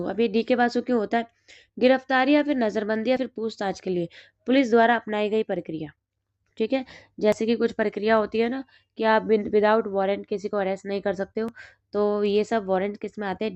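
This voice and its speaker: Hoarse woman quizzing through exam notes. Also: medium pitch, darkish tone, no echo, muffled recording. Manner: asks and answers her own quiz questions. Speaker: exam prep teacher. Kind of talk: reading through study notes.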